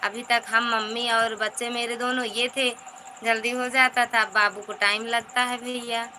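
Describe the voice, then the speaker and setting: A woman joins a live stream from her phone and chats in an apologetic, talkative way. Her voice is fairly high, and a loud background noise runs behind the audio. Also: little pitch movement, unhurried. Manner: apologetic, chatty. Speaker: viewer joining a live stream. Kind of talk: casual live-stream chat.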